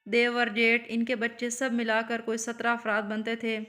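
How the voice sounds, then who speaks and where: A woman telling an emotional story as scripted narration, in a steady storytelling manner. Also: fairly high pitch.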